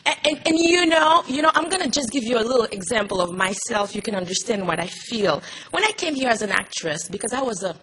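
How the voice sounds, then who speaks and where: On a Montreal panel, a Haitian-born actress tells a personal story in English, though Haitian Creole is her native tongue; she's earnest, with many restarts and fillers. She talks fairly quickly and expressively with hardly any pauses, in a high-ish, fairly bright voice. The audio is poor, with a bit of hiss or hum.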